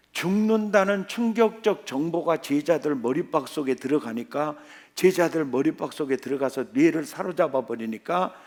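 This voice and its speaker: A male pastor preaching a revival sermon, often putting questions to the congregation. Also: a little high. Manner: animated, quizzing the congregation.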